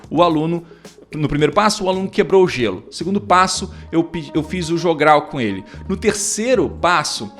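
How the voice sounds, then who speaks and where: This English teacher's voice is a little high and a bit bright. He explains the lesson steps chattily, restarting often, dropping plenty of fillers, and playing out exchanges between teacher and student.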